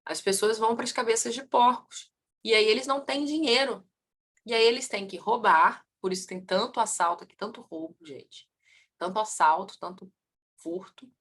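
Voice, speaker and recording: In a lively class on family constellation, a female teacher asks her students questions and supplies the answers on her own. Her mid-range voice moves at a moderate pace, growing louder and softer, faster and slower, as she goes.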